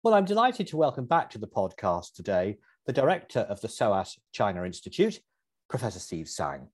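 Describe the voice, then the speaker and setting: Male podcast host, animated pitch, husky tone, scripted intro then questions. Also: moderate pace. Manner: lively, articulate questioning.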